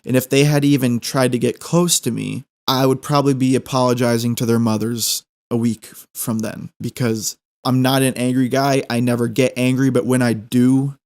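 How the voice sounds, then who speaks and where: A man's voice: medium pitch, little pitch movement, normal speed, hardly any pauses, a little mellow. A man telling a personal anecdote casually, in a rambling, repetitive and self-deprecating way. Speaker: storyteller.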